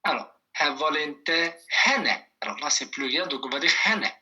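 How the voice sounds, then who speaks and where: A man teaching a language class over a video call, speaking slowly and patiently, repeating phrases and calling on students by name. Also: fairly high pitch, expressive, bright, forceful tone.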